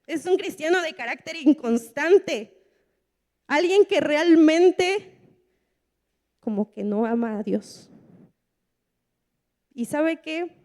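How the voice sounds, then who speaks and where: A woman delivers a sermon in a church. Her voice sits high, and she talks in a lively way, putting on the voices of people making excuses. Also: slow pace, long pauses. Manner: animated, acts out excuses of churchgoers in quoted voices. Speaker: preacher. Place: church meeting room.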